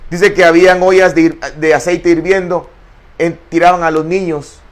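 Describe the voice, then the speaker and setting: Impassioned high-voiced male preacher. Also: level tone, normal speed. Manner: impassioned, rising to near shouting at peaks; restarts and stumbles over words. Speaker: pastor. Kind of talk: sermon.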